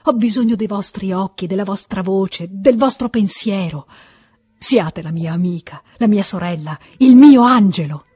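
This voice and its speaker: A woman's voice: lowish voice, very animated, unhurried, mellow, slightly rough, full character voice. Woman reading as a fervent male seducer. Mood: ardent. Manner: fervent, swelling declarations. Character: persistent male seducer, ardent and insistent.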